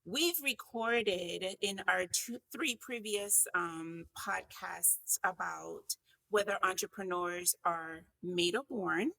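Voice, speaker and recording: A woman's voice: fairly low pitch, slow pace, creaky, pushed and bright, no room sound, low-quality recording. A woman from the US Virgin Islands, hosting a podcast in a conversational style. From US Virgin Islands (St. Croix). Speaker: podcast host.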